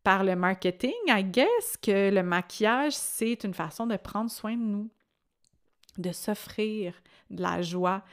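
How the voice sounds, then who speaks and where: A woman's voice: mid-range voice, slow pace, clean tone. A woman in her late thirties with a Québécois French accent, hosting a podcast in a chatty, reflective monologue and laughing often. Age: late 30s. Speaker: podcast host.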